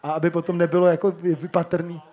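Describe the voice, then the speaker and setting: A man's voice: on the high side, level tone, mellow. A man moderating a live festival panel on a shared handheld microphone, chatty and joking, switching between Czech and German. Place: outdoor street festival stage.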